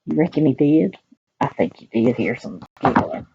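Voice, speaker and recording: A deep, creaky, dark-toned woman's voice with lively intonation reads a children's picture book at a moderate pace, heard through dull audio with slight hiss or hum. The Southern-accented library storyteller breaks off for folksy asides and asks the children questions.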